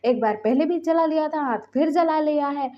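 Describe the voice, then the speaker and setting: A woman's voice: high voice, normal speed, highs cut off, voice pushed up, natural voice. A woman voicing an adult man who scolds his partner out of worry, in an exasperated tone. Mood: scolding.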